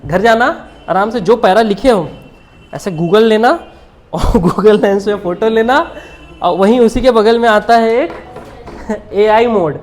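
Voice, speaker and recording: A male English teacher in a classroom, speaking in a fairly high voice. He fires questions at his students, switches easily between Hindi and English, and laughs lightly as he corrects their sentences. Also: measured pace. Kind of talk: live classroom lesson.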